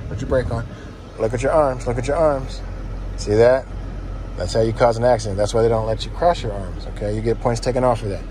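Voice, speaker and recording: A man with a mid-pitched voice gives a driving lesson as the instructor. He speaks in short, directive commands and repeats them. The recording has clear vehicle noise around him. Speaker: driving instructor, teaching a learner. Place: inside a parked or slowly moving van. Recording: noisy inside a vehicle.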